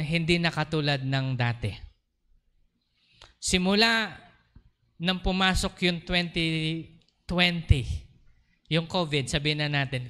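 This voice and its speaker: A man's voice: fairly high pitch, bright, forceful tone, smooth. A man preaching a sermon as pastor, telling a story and mixing Tagalog with English. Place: church.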